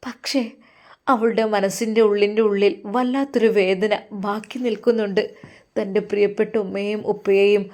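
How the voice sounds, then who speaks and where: A woman narrating an emotional religious story with measured, feeling delivery. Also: mid-range voice, fairly even intonation, a little mellow.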